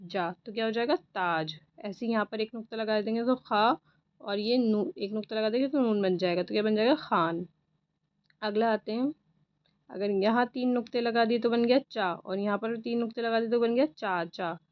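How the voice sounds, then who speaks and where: Teacher, female, patient, quizzes herself aloud; slightly high voice, lo-fi. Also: moderate pace, dry recording. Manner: patient, asks and answers own questions. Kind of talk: exam paper walkthrough lesson.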